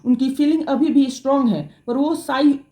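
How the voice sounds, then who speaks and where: A woman gives a fast tarot reading straight to her viewers, often correcting herself as she goes. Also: sits high, fairly even intonation, warm tone, reverberant. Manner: rapid, self-correcting, addresses viewers directly. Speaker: tarot reader.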